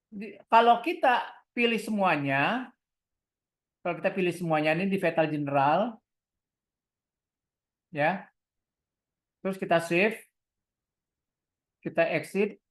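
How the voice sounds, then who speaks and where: Speaking on the low side, a product trainer with an Indonesian accent leads an online equipment tutorial for software, one step at a time. She frequently poses questions and answers them herself in an instructional manner.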